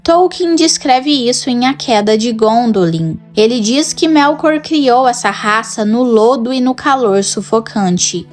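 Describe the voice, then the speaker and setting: A woman with a Brazilian Portuguese accent narrates a scripted lore piece, her voice sitting a little high. She takes her time, laying out each line in a measured, dramatic way. Faint music plays underneath. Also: expressive. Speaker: lore channel host.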